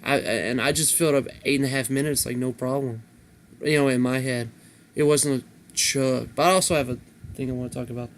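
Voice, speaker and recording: A man's voice: medium pitch, steady tone, fairly quick, a little hiss or hum. A young man hosting a solo podcast, rambling casually with lots of restarts and fillers. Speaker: podcast host.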